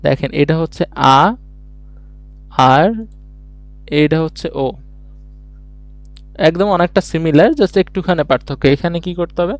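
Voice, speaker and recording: A man's voice: on the high side, measured pace, long pauses, dry recording, faint music behind. A man teaching a beginners' language lesson online, explaining each step patiently and answering his own questions as he goes. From Bangladesh.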